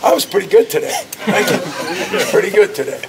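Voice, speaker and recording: A very gravelly, raspy man in his sixties with a slightly high pitch talks into a cluster of reporters' handheld mics. He answers questions as a coach, emphatic and full of anecdotes. The hallway around him is loud and busy, and his voice is caught from a step away. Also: huge pitch swings, moderate pace, distant mic, heavy background noise. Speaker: college basketball coach. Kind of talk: post-game press scrum. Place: crowded indoor hallway outside a locker room. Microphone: cluster of reporters' handheld mics at close range.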